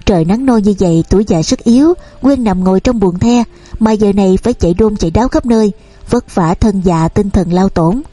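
A woman narrating a novel aloud in a steady storytelling manner. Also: medium pitch, a little fast, no room sound, faint music behind. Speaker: audiobook narrator.

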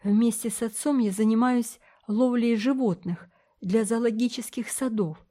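A woman's voice: normal speed, dark tone, natural voice. A woman voicing a frightened teenage boy who pleads and protests in a raised, breathless voice. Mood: pleading. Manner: breathless, high pleading cries.

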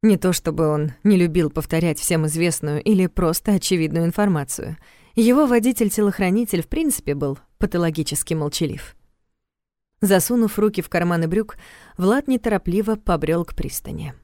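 Woman, audiobook narration, calm measured reading, dark warm tone, dry close recording. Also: fairly low pitch, no room sound.

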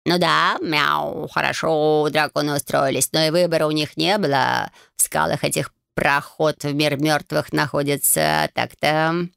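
A cheeky, grumbling male talking cat from a storybook, put on by a woman reader. His voice sits low and gravelly, yet smooth and resonant underneath, and he bosses everyone about in a dry, close recording. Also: fairly even intonation, a little slow, hardly any pauses, a bit bright, dry recording, full character voice. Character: grumpy sharp-tongued male talking cat.

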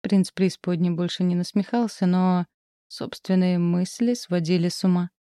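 A woman narrating a first-person storybook with lively storytelling. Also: fairly low pitch, moderate pace, no room sound, clean studio sound. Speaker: audiobook narrator.

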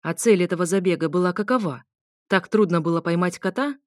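A woman voicing a grumpy, sarcastic young man in an audiobook, speaking gruffly and snappishly. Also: lowish voice, fairly quick, no room sound, clean studio sound, natural voice.

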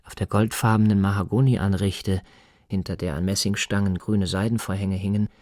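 A man narrating a literary radio drama in a measured, even way. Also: lowish voice, no echo, clean studio sound.

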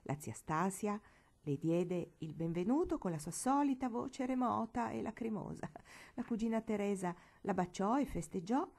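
Woman audiobook reader, mellow, slow measured narration, soft hushed touches. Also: lowish voice.

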